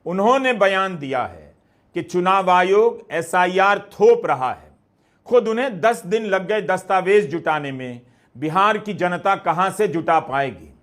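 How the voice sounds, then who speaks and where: A man anchoring a news commentary, reading a scripted report in a measured, questioning way. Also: high voice, animated, fairly bright tone.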